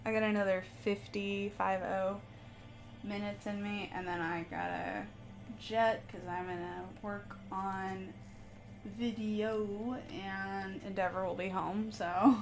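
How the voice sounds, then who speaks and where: A woman's voice: medium pitch, steady tone, slow, background noise. A woman streaming live while she paints, chatting casually with viewers in a rambling way and laughing often.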